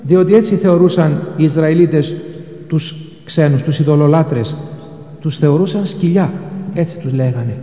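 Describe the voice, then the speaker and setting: Male preacher, mellow tone, sermon in a reverberant church. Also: on the high side. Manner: retells Gospel passages, quoting scripture in old Greek and explaining it.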